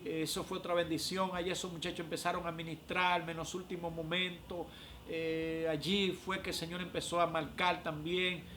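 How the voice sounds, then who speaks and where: A man, a prophet giving an emotional religious testimony, often pausing with "eh". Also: a little high, flat delivery, bright, forceful tone, slight background noise. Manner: emotional, frequent "eh" fillers.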